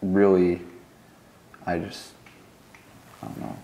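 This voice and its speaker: A man's voice: low-pitched, little pitch movement, takes it slowly, gravelly, mellow, muffled recording. A young male student speaking informally in an interview, hesitant and often searching for his words. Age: young adult. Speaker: computer science student. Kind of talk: informal interview about a project.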